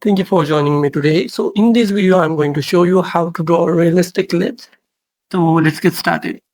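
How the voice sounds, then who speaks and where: A man's voice: high voice, extremely slow, a little mellow, no room sound. A man narrating a drawing tutorial, switching between Hindi and English with many fillers and restarts.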